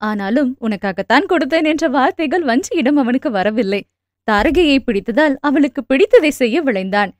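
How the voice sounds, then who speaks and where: A woman narrating a novel in a steady storytelling manner. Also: high-pitched, moderate pace, no room sound, clean studio sound. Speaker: audiobook narrator.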